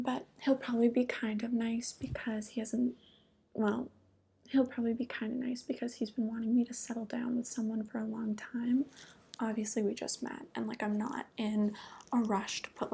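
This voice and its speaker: A woman voicing a flirty, teasing female devil in a soft, breathy ASMR role-play, with a casual, coy manner. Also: on the high side, heavily acted.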